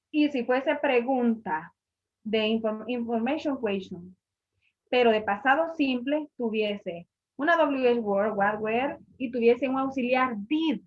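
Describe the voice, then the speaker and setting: A woman teaching an English grammar class, patiently explaining and repeating each point in a classroom. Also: fairly high pitch. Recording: muffled lo-fi recording.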